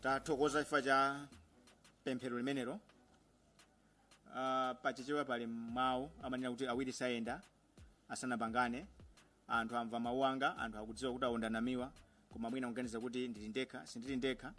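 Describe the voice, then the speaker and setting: A man's voice: medium pitch, level tone, fast, fairly bright tone. Malawian man formally addressing a press briefing. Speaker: organisation leader hosting a press conference.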